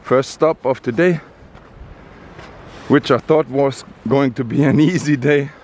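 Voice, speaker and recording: A man narrating a casual travel vlog outdoors on a rainy coast, in a halting way with many fillers. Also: medium pitch, darkish tone, slight background noise. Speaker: travel vlogger.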